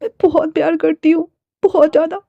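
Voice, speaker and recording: A woman voicing a desperate young woman who cries and begs her lover to stay, her pitch pushed high and tearful. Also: fairly even intonation, moderate pace, warm tone, no echo, lo-fi sound. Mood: weeping. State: crying.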